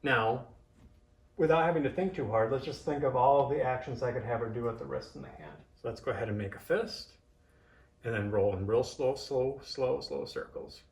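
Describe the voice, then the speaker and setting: A man teaches in a casual, practical way, thinking aloud and giving short, simple cues. His voice sits at a middle pitch. It is picked up at some distance in an echoey room. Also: fairly quick, darkish tone. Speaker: massage therapist and instructor. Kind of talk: casual hands-on demonstration, instructing.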